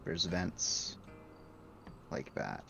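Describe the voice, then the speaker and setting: A man running a tabletop game, describing the scene in a calm, unhurried way. His voice sits a little low and moves at a slow pace. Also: creaky, over music. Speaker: game master. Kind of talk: narrating a tabletop role-playing game.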